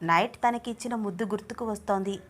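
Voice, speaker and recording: A woman narrating a romance story aloud at a gentle, even reading pace. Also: mid-range voice, fast talker.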